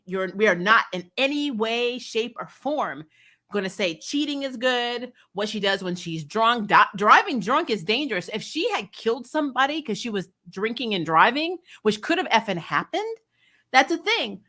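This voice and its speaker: A woman's voice: fairly high pitch, very animated, normal speed, sharp tone. A woman hosting a casual, opinionated TV review, speaking candidly and emphatically in a conversational way with some mild swearing. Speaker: host of a TV show review channel. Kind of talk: casual, opinionated episode commentary.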